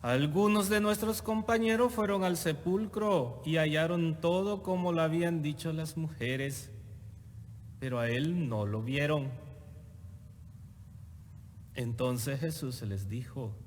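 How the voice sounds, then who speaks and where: A male priest reads the Gospel in a slightly high, unhurried voice, each phrase measured and solemn. His words ring out in a long cathedral echo inside a large church. A faint noise sits beneath the recording. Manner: slow, measured, solemn reading. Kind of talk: liturgical Gospel reading.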